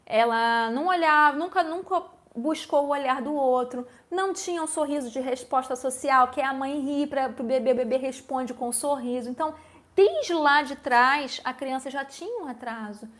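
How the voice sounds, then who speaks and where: Woman, speech therapist, live-stream Q&A, explanatory, keeps checking in, higher pitch. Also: moderate pace, a bit bright.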